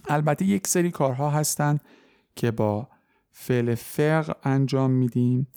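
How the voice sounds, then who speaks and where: Mellow-voiced man teaching a language. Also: mid-range voice, clean tone. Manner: patient explaining, slow careful French examples. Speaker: French teacher. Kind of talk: podcast language lesson.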